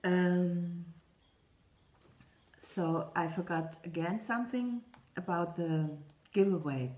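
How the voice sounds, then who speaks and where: A woman chatting casually to camera as a stitching vlogger, rambling and halting, often stopping to apologize. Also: lowish voice, darkish tone. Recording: echoey room.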